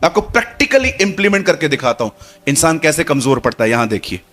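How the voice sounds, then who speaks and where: A man's voice: fairly high pitch, fairly quick, soft background music. A man preaching a sermon to a congregation, acting out little dialogues and putting questions to the crowd. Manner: lively, acts out dialogue, addresses congregation.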